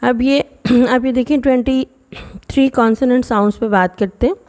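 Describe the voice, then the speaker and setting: A woman teaching phonics to children in a patient, explaining way, sounding out words slowly. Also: fairly high pitch, steady tone, a little mellow.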